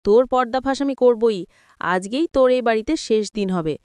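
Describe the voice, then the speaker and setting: Woman doing a spirited teasing young woman, higher pitch, clear voice. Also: normal speed, a little mellow, no room sound, clean studio sound, lightly acted. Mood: determined. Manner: teasing, affectionate. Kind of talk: storybook retelling of a TV serial.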